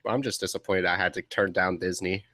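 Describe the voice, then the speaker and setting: A man's voice: sits low, fairly even intonation, fast talker, sharp tone, no echo. A man co-hosting a podcast with joking, facetious, mock-boastful banter. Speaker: podcast co-host.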